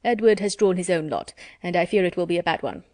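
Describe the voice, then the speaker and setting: Pompous middle-aged gentleman, read by a woman, measured, formal, lowish voice. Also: no echo, clean studio sound, natural voice. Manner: measured, formal storybook reading.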